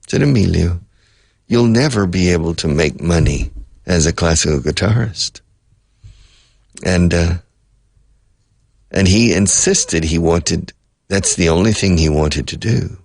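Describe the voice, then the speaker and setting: A man's voice: low voice, creaky, slightly rough, no echo, studio quality. An older man, a radio host, telling a rambling personal story from his youth and correcting himself as he goes. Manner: rambling, reminiscing, with self-corrections. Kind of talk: storytelling monologue.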